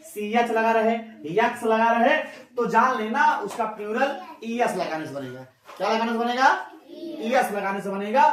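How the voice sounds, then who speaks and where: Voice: mid-range voice, a bit bright. A teacher giving a classroom lesson who drills pupils with repeated call-and-response questions and calls them children. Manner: addresses pupils as children, scolds chatter. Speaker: English teacher. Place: classroom with traffic outside. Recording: roomy classroom sound, distant mic, faint traffic noise.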